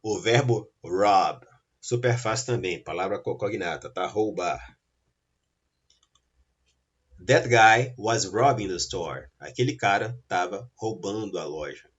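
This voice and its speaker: Low, husky male teacher explaining step by step. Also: slow, muffled recording. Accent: Brazilian Portuguese. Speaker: English teacher. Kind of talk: recorded grammar lesson.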